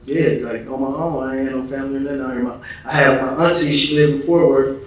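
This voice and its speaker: A fast-talking Chicago rap artist, appearing as an interview guest, speaks casually at a medium pitch with a steady tone. His phrasing is slangy and profane, peppered with "you know what I'm saying." The recording sounds echoey, as if he's sitting far from the mic in a reverberant room.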